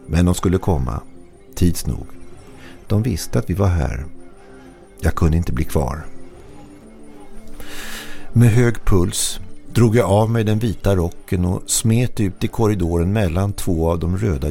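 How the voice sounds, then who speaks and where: Man, extremely deep, dark mellow tone, gravelly, hushed suspenseful horror narration, faint music behind.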